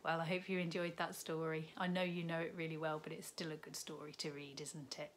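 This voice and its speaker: A primary school teacher reads a picture book aloud to children from her living room at home, her low voice carrying over slight background noise. She takes it slowly and expressively, storytime style, with lively rises on key words.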